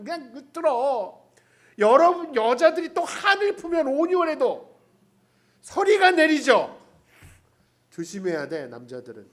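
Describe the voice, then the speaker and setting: A pastor's sermon delivered by a man with a high, very animated voice that swings widely in pitch. He tells the story playfully, voices the characters' lines himself, and keeps turning to the congregation. He is speaking inside a church. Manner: humorous, addressing the congregation directly. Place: church sanctuary.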